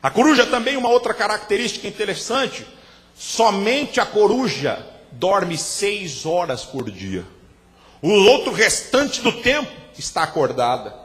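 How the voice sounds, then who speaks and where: A man with a Brazilian Portuguese accent preaching a sermon in church, swinging from hushed passages to loud shouts. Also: high voice, very animated, a little slow, long reverb tail. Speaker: pastor. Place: large church hall.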